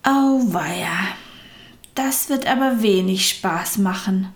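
A woman voicing a small, eager, childlike soul in heaven, speaking with soft wonder and pleading. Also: medium pitch, very animated, slow. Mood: wistful. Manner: wondering, pleading, softly exclaiming.

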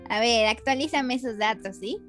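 Young woman, Mexican accent, higher-pitched voice, self-deprecating and slangy, comedic podcast co-host, soft music underneath. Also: normal speed. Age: young adult. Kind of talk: casual comedic chat.

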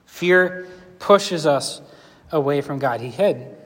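Pastor with a slight lisp, hall reverb. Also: male voice, a little high, animated, takes it slowly, fairly bright tone. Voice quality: slight lisp from a sore lip. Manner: conversational, earnest, asks the congregation questions. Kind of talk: sermon.

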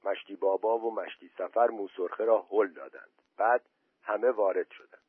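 A man reading a story aloud as audiobook narration, in a steady storytelling manner. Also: lowish voice, husky, no room sound. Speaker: reader. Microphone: voice message recording. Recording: dry, tinny phone-quality audio.

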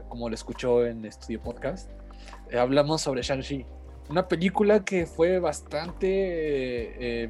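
A man's voice: mid-range voice, warm tone. A Mexican man talking casually as the co-host of a podcast.

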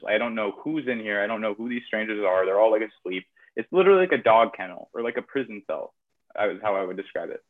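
A young man telling a long story in casual chat, rambling with lots of fillers. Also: lowish voice. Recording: tinny phone-like audio.

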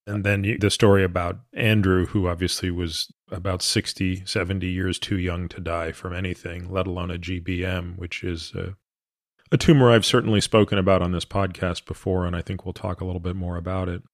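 A man with a very low, deep voice hosts a podcast in a dry, close-miked sound with no room echo. He asks long, discursive questions, hedging his phrasing as he thinks aloud. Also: level tone, fairly quick. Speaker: podcast host. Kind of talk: long-form podcast interview.

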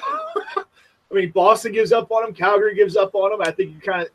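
A man's voice: high-pitched, wildly swooping pitch, a little fast, a little hiss or hum, poor audio. A man co-hosting a casual hockey podcast, wry and opinionated as he breaks down plays. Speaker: podcast co-host. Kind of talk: casual sports chat.

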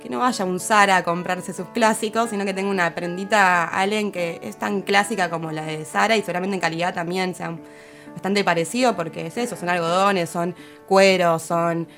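A fairly low-voiced woman with a Rioplatense Spanish accent talks through fashion ideas in a relaxed panel conversation. She weighs her points thoughtfully and backs the others with quick affirmations. Faint music plays underneath. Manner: thoughtful, many affirming fillers. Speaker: fashion commentator. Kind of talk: casual panel chat.

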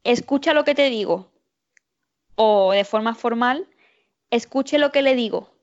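A woman's voice: fairly high pitch, a little slow, a little mellow, lo-fi sound. A woman student answering a teacher's questions and reading example phrases aloud.

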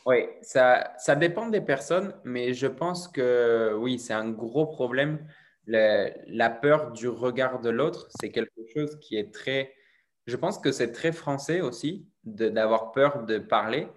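A man's voice: mid-range voice, slow. French teacher man, explaining thoughtfully. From France. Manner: thoughtful, explaining with many restarts. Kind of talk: casual conversation.

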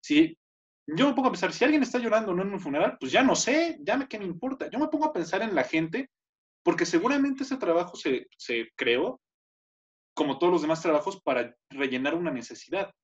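Animated Mexican man joking on a podcast. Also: high-pitched, a little fast, highs cut off. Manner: animated, joking, rants with mock outrage. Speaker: podcast co-host. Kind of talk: casual chat.

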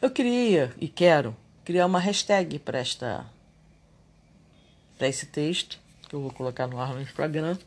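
Speaking unhurriedly in a fairly high voice, this man offers a reflective, confessional monologue about spirituality and everyday life, turning animated whenever he gets irritated.

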